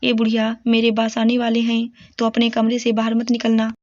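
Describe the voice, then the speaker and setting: A woman's voice: on the high side, monotone, normal speed, a little mellow, lightly acted. Woman doing cruel grown son, storybook, harsh, scolding, dull lo-fi sound. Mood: angry. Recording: dull lo-fi recording.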